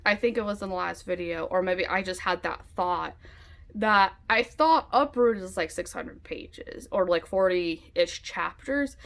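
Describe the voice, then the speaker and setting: A woman's voice: fairly low pitch, unhurried, gravelly, a bit bright. A woman vlogging casually about her reading, rambling and full of fillers. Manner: chatty, rambling, many fillers like "like" and "um". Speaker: book vlogger. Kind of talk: casual chat. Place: home, with a dog nearby.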